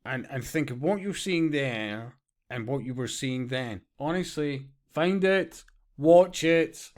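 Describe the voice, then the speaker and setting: A man's voice: mid-range voice, animated, slow pace, a little mellow. A man giving profane, sarcastic commentary, often breaking into laughter. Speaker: vlogger. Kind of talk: ranting commentary.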